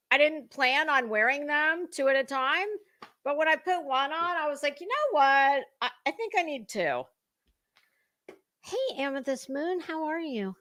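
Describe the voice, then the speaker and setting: A woman hosts a livestream, chatting with viewers in a rambling, casual, informal way. Her voice is high with a sharp tone, and there's no echo.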